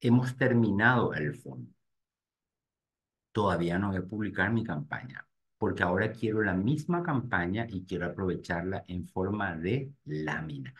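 A low-voiced man leads a live webinar for real estate agents. He speaks straight to his audience and narrates each click out loud as he works through the screens. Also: lively intonation, normal speed. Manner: talks to "gente" directly while clicking through screens, thinking aloud. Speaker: real estate marketing instructor.

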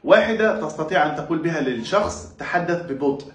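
A man's voice: a little high, lively intonation. Man teaching in an echoey room. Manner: slow, repeats each phrase several times. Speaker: language teacher. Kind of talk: casual video lesson. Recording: echoey room, far from mic.

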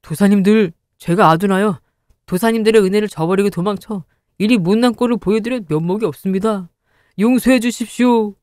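A woman's voice: mid-range voice, a little fast, a little mellow, no echo, studio quality, natural voice. A woman voicing a remorseful young man apologizing in a pleading tone.

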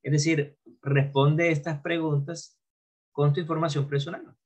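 Husky-voiced male teacher, forties, slow, patient, repetitive classroom delivery. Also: a little high, little pitch movement, a little mellow, muffled recording. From Colombia. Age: 40s. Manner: slow drilling repetition of English phrases. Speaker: English teacher. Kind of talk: classroom video lesson.

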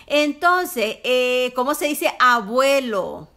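A woman with a high, bright voice runs a casual English lesson at an unhurried pace. She corrects patiently and breaks into laughter often. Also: big pitch swings. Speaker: English tutor and co-host. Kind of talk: casual teaching chat.

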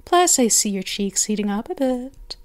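In this intimate ASMR roleplay, a woman voices a teasing, doting, possessive vampire mistress, speaking slowly and coolingly with lingering words and some whispered lines. Her slightly high voice sounds natural and animated.

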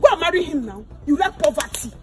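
Woman, high lively voice, indignant scolding, skit comedy. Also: quick pace, crowd noise. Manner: indignant, loud scolding with sharp swings. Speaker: comic actor.

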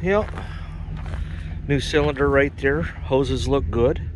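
A man's voice: medium pitch, slow pace. A man strolls an outdoor auction lot, chatting loosely about each machine with plenty of ums and asides. His voice sits in a middling register, and a little wind hiss from outdoors comes through the camera mic. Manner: relaxed, rambling, uses fillers. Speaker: farm equipment vlogger. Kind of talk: casual walk-around commentary.

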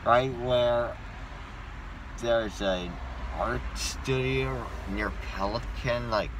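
Groggy young man with bloody-mouth, numb slur. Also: medium pitch. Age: young adult. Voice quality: thick, numb-mouthed speech. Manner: halting, repeating words. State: groggy from sedation after oral surgery. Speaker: passenger just out of wisdom tooth surgery. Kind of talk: rambling casual chat. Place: inside a moving car. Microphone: phone held at arm's length. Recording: loud car road noise.

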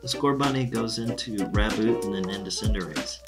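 A man's voice: fairly low pitch, normal speed, over loud music. A man hosting a trading card pack opening video, upbeat and hyped about each pull. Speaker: channel host and dad.

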